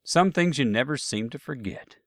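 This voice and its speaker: A man's voice: mid-range voice, lively intonation, normal speed, fairly bright tone, no room sound, studio quality. A man narrating a first-person travel anecdote with wry, self-deprecating humor. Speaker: storyteller.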